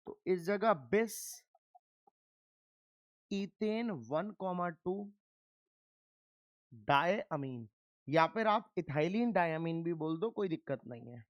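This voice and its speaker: An animated man with a high-pitched voice lectures on chemistry, speaking slowly with long pauses. He drills students by asking questions and answering them himself, firmly scolding them to pay attention; the recording has no echo and its highs are cut off.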